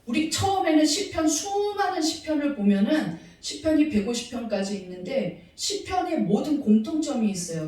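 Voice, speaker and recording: A woman's voice: fairly high pitch, mellow. Woman preaching in an echoing hall. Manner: earnest preaching with rhetorical questions to the congregation. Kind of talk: sermon. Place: church sanctuary. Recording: very echoey hall, mic far off.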